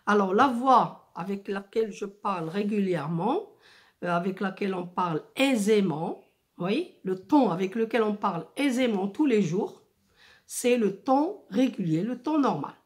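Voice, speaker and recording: A woman teacher talks through a lesson at an unhurried, measured pace. Her voice sits at a medium pitch, and she restates each point several times, pausing on filler sounds as she searches for words. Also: lively intonation. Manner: slow, deliberate, repeats and rephrases with many fillers. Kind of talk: slow explanatory French lesson.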